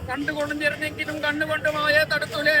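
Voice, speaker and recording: A man's voice: very high voice, monotone, fast talker, over a noisy crowd, heavy background noise. A man with a Kerala accent speaking as a possessed oracle, exhorting and blessing devotees in repeated set phrases.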